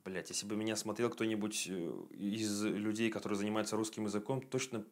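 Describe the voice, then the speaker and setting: A man's voice: on the low side, fairly even intonation, brisk. A man in his late twenties giving a casual self-improvement monologue for his video channel, blunt and profane, with frequent fillers. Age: 20s. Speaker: video blogger.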